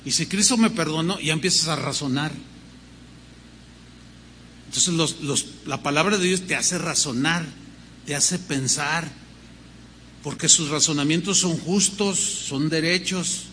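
A man's voice: a little high, unhurried, pauses often, sharp tone, big-room sound, a little hiss or hum. An older man preaching a sermon as pastor, telling a story with acted-out dialogue and rhythmic lists of words.

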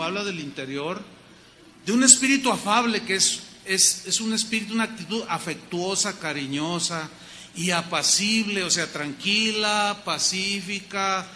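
A Mexican man preaching a folksy, joking sermon as a pastor. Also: high-pitched. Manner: lively, folksy, joking, acts out little scenes. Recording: long hall reverb.

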